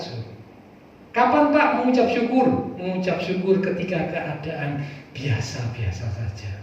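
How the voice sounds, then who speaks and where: A male pastor, preaching a lively, folksy sermon with playful asides. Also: a little high, slight background noise. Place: large church hall. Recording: echoey church hall, distant mic, dull sound.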